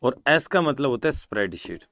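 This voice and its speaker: A man's voice: mid-range voice, very animated, a little fast, fairly bright tone, no echo. A man teaching a computer class live online, repeating key terms, checking in with the class and calling the students "beta". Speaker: exam-prep computer teacher.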